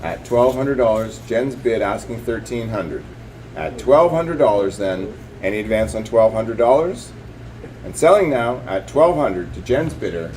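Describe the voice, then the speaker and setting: A man's voice: fairly low pitch, lively intonation, measured pace, a little mellow, a little hiss or hum. A man working as a live auctioneer, calling bids and increments in repetitive, clipped patter.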